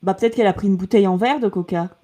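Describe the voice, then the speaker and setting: A woman's voice: mid-range voice, very fast, dark tone. A woman co-hosting a casual podcast chat, reading passages from a book aloud and reacting with laughter and mock outrage. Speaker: podcast co-host.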